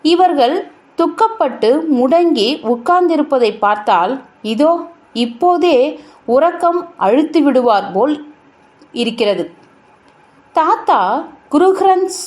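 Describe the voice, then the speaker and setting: A woman reading a translated short story aloud, unhurried and sorrowful, with emphatic pauses. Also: high voice, sing-song.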